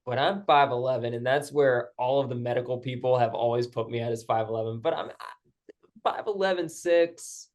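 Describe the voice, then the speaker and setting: Relaxed male podcast host. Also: medium pitch, moderate pace. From Virginia. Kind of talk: casual interview chat.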